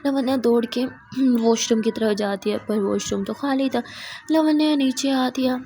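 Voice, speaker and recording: A woman storyteller narrating an audio love story in a steady, plain way. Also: fairly high pitch, measured pace, slight background noise.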